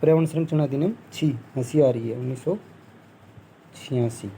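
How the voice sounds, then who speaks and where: A man's voice: mid-range voice, moderate pace, mellow, a little hiss or hum, poor audio. A young man teaching a Hindi exam-prep lesson, explaining step by step, quizzing his students and answering his own questions. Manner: explains step by step, asks the class questions and answers them, often says "theek hai"; acts out scoffing crowd voices as jokes.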